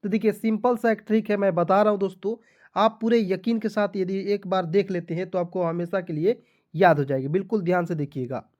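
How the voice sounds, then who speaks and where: A man's voice: high-pitched, fairly even intonation, a little fast, darkish tone, highs cut off. A man giving a spoken lesson for beginners, asking questions and answering them himself while spelling words letter by letter. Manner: patient, repetitive explaining. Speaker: English teacher.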